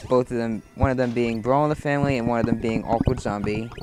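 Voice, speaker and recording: A man giving casual let's play commentary over gameplay, rambling through tangents and game trivia, with sudden excited outbursts at the screen. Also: mid-range voice, quick pace, loud music behind the voice. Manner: bursts of excited shouting at the game.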